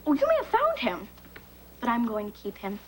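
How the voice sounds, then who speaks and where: A woman's voice: on the high side, huge pitch swings, brisk. Smug rival teen girl. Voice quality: smug, cocky. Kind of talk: 1990s sitcom acting. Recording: noisy TV sitcom recording.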